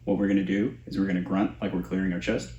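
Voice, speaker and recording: A man's voice: sits low, quick pace, creaky, warm tone, muffled recording. A man giving a casual, explanatory tutorial as a vocal coach. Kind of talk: instructional tutorial with vocal demonstrations. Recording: roomy echo.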